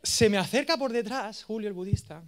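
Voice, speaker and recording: High-voiced Spanish man telling jokey stories. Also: brisk. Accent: Spain Spanish. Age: 30s. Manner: animated, self-mocking, jokey. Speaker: course lecturer. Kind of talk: humorous storytelling lecture.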